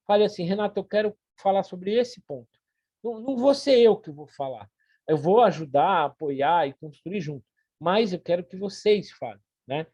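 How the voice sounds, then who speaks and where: A man from Brazil presenting a plan at an online meeting, earnest and halting, often repeating words as he goes. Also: sits high, animated, a little mellow, no echo. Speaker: meeting organizer.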